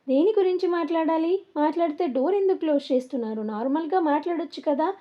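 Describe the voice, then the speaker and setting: A woman's voice: high-pitched, fairly quick, lightly acted. A woman voicing a frightened but firm young married woman who speaks sharply and seriously with a raised voice. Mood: alarmed. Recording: dull lo-fi recording.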